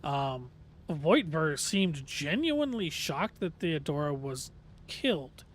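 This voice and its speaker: A man's voice: on the high side, very animated, slow. A man livestreaming a game in casual, earnest, hesitant chat, his voice slightly reedy and tired from long talking.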